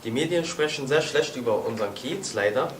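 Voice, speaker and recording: A man's voice: mid-range voice, expressive, moderate pace. A twenty-year-old man from Berlin giving short, plain answers to interview questions. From Berlin, Germany. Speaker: local youth council member. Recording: roomy, distant mic, loud noise.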